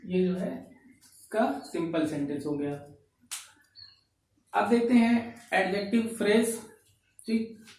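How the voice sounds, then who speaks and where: Male grammar teacher, high voice, slow word-by-word dictation, heavy room echo. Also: expressive, darkish tone, far from the mic. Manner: slow and repetitive, says "ठीक है" constantly and dictates example sentences word by word. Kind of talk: classroom-style grammar lesson. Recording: very echoey room, voice from off-mic, faint noise.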